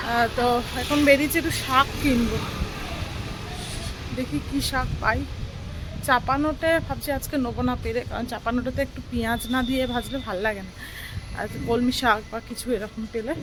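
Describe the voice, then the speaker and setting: Chatty woman vlogger, slightly high voice. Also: brisk, long pauses. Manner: chatty, talks while doing chores. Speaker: vlogger and mother. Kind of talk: casual running commentary to the viewers. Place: market outdoors, then at home. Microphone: phone held in hand. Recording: noisy phone recording.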